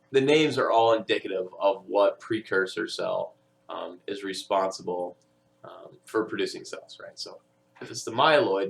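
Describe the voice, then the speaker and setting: Male lecturer, low gravelly voice, loose conversational delivery, lots of "um" and "right?". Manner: conversational, many fillers and tag questions. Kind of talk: recorded audio lecture.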